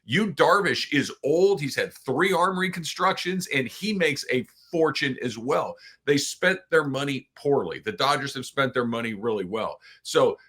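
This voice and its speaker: A middle-aged man co-hosting a sports podcast, giving opinionated, animated takes on baseball. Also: medium pitch, a little slow, few pauses, husky. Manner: opinionated, animated, quotes people in asides. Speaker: podcast co-host.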